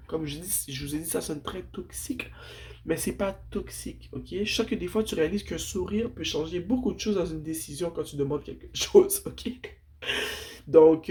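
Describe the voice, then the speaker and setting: With a slight hiss or hum in the background, a woman speaks in a warm, lowish voice. Her nose is blocked and sniffly, giving her a congested, nasal sound, as she talks casually and affectionately to viewers while offering spiritual guidance as a tarot reader.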